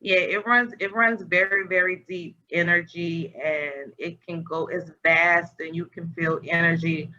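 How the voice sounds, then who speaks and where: Bright-toned woman host on a video call. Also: lowish voice, steady tone, measured pace, hardly any pauses. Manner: meandering, searching for words. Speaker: podcast host. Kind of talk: casual spiritual conversation. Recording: dull lo-fi audio with faint noise.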